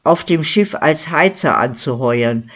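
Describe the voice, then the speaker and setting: Audiobook reader, slow even narration, kinda muffled. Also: medium pitch. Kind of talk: scripted story narration. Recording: dull lo-fi recording.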